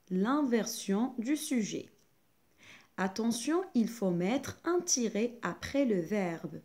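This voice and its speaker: A woman teaching a grammar lesson to young schoolchildren, speaking slowly and clearly with wide swings of pitch. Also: mellow.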